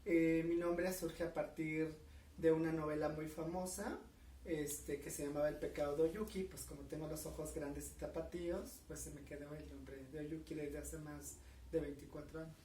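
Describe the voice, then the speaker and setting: An earnest Mexican woman in her forties, speaking with a Mexican Spanish accent, is interviewed in a measured way with frequent fillers. Her low, warm voice has fairly even intonation. The echoey room, distant mic, and slight background noise shape the recording.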